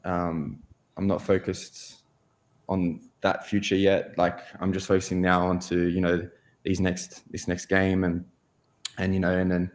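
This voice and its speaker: A young man talks casually as an interview guest, full of halting restarts and fillers. His voice sits low and gravelly. His delivery stays flat and even. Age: 20s. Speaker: guest goalkeeper.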